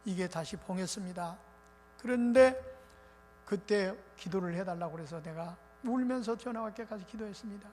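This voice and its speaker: A male pastor preaching a revival sermon in an animated, colloquial storytelling way. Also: high-pitched, normal speed, soft background music. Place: church sanctuary. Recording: reverberant church hall with faint noise.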